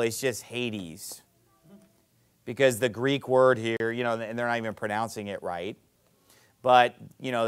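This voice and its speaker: In a church, a man preaches as pastor with emphatic force. He rises to loud peaks, sinks to low drops, and slips in sarcastic asides along the way.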